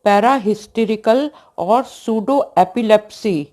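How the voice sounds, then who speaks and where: Slow-talking woman doctor giving a health lesson. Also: mid-range voice, warm tone. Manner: slow, deliberate explaining, mixing English medical terms. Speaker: homeopathic doctor.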